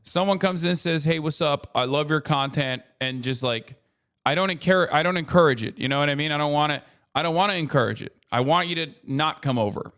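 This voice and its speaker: A male streamer in his thirties riffs loosely over a video, swearing freely and tossing in "you know what I mean" again and again. His voice sits a bit higher than most men's, and his delivery is loose and rambling. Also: a little fast, fairly bright tone. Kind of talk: casual reaction commentary.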